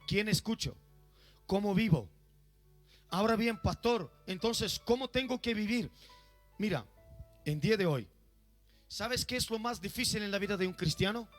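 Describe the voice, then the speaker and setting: Male pastor, high voice, emphatic sermon delivery in church, faint music behind. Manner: emphatic, often asks the audience questions.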